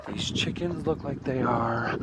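A man's voice: mid-range voice, unhurried, heavy background noise. An American man in his thirties talking casually and informally to a camera, in a laid-back vlog style. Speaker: vlogger. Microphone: handheld or nearby camera.

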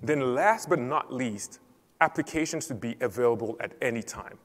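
A man's voice: mid-range voice, lively intonation, moderate pace, fairly bright tone. A man from Cameroon giving a structured technical talk on a conference stage. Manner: clear, structured presenting. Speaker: conference speaker. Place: large conference hall stage. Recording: reverberant conference hall.

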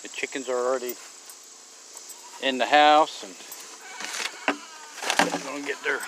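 A man's voice: mid-range voice, unhurried, background noise. A man, talking casually and rambling with fillers while filming his homestead outdoors on a handheld phone. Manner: relaxed, rambling, drawling talk with many fillers. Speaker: homesteading vlogger. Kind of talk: casual vlog narration. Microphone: handheld phone camera.

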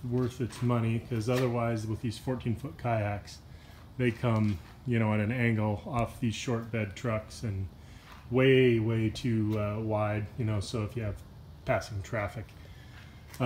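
A man filming a casual vlog outdoors beside a pickup truck, talking in a relaxed, rambling way with lots of "uh" and "you know". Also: fairly low pitch, unhurried, slight background noise. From Washington state. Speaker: kayak fishing vlogger. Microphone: handheld phone camera, filming himself off-screen.

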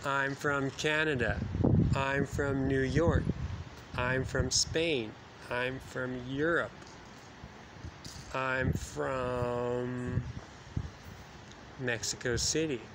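A man in his thirties from the United States, giving a bilingual lesson into a phone held at arm's length outdoors at night, speaking slowly and repeating phrases for learners. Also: medium pitch, steady tone. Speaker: English teacher. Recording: phone video with loud wind noise outdoors. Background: loud wind and street noise.

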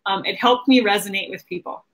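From a small home office, a thirtysomething woman hosts a marketing livestream with a casual, informal interview style. She talks a little fast in a medium-pitched, slightly bright voice, and the recording quality is low.

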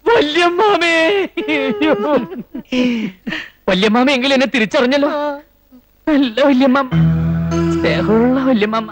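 An actor playing a cheeky male impostor in a film comedy, with an animated, theatrical manner. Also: very high-pitched, a little slow, pauses often, exaggerated voice. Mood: emotional. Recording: film soundtrack with background music.

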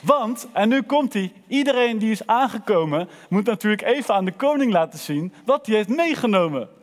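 A man's voice: high voice, moderate pace, long reverb tail. A man presenting in a children's church, telling a story and talking directly to the kids. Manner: lively, addresses the children directly.

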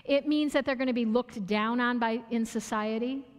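American woman pastor giving a chatty sermon, high voice, echoey church hall. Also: moderate pace. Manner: conversational, asks the audience questions, restarts and stumbles. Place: church sanctuary.

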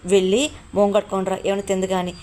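A woman's voice: mid-range voice, monotone, rapid-fire, warm tone, slight background noise, close to an everyday voice. A woman voicing a caring middle-aged mother who soothes her daughter, in a retold family drama. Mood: consoling. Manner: soothing, then suspicious.

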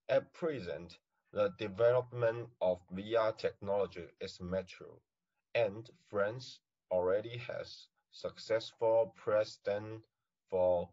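A young man reads his part of a class presentation slowly and steadily. His voice sits a little low. The recording is dull and lo-fi. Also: a little mellow. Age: young adult. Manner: slow, measured reading. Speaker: student presenter. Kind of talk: class presentation, read from notes. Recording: dull lo-fi sound.

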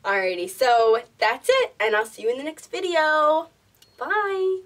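A woman's voice: sits high, sing-song, measured pace, fairly bright tone, far from the mic. A woman hosting her vlog, playing a guessing party game in a giggly chat, laughing often and repeating phrases. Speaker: YouTuber host.

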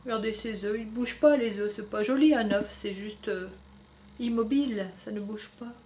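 A woman teacher reading a storybook aloud to young children, expressive and stopping to comment to them directly. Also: medium pitch, normal speed, a little hiss or hum.

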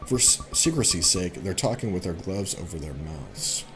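A man in his thirties hosts a gaming let's play, reading the game's text aloud and chatting about it as he goes. His low voice is very animated and moves at a moderate pace, with game music playing behind him.

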